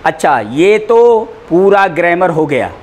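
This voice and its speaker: A man teaching a class in a lecture style, repeating words slowly for students to write down. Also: sits high, big pitch swings, slight background noise. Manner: slow, repeats words for dictation. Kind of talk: classroom lecture, dictating notes.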